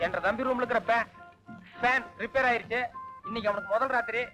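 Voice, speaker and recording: An actor playing a bossy, stubborn elder brother in a village comedy, brusque and bickering. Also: male voice, extremely high pitch, fairly even intonation, quick pace, pushed and bright, faint music behind, low-quality recording. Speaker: head of the family, elder brother. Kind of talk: 1980s film comedy acting.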